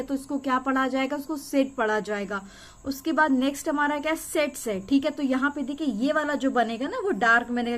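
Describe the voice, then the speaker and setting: Young female tutor, high voice, patient step-by-step explainer who keeps checking in. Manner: patient, repeats checks like "clear?" and "okay". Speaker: shorthand teacher.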